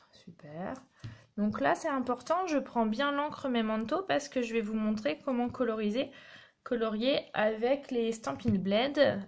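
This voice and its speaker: Slow, chatty woman demonstrating crafts. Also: fairly high pitch, a little mellow, a little hiss or hum. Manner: chatty, encouraging, talks while working. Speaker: craft tutorial host. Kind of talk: casual step-by-step craft demonstration.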